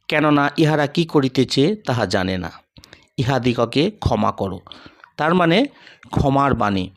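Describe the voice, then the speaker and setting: A man preaching a scripted devotional sermon in a measured, solemn way, slowing down for emphatic lists. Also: on the high side.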